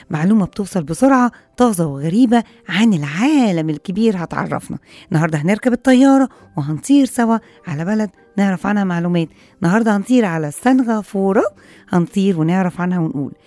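Brisk Egyptian woman radio host, rapid-fire and playful, close dry studio mic, soft music behind. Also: medium pitch, animated, dry recording. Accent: Egyptian Arabic. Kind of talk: upbeat radio presenting.

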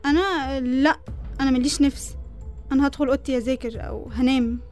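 A woman doing a shrill cheeky little sister. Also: expressive, rapid-fire, soft background music. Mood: hurt. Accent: Egyptian. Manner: whiny, cheeky. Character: young girl, cheeky greedy youngest sister. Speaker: youngest sister. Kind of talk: radio drama acting.

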